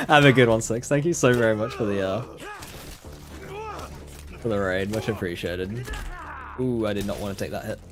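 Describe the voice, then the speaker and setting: A man's voice: lowish voice, moderate pace, long pauses. A man giving casual, chatty live gameplay commentary, talking straight to his viewers. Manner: chatty, addresses viewers directly. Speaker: game streamer.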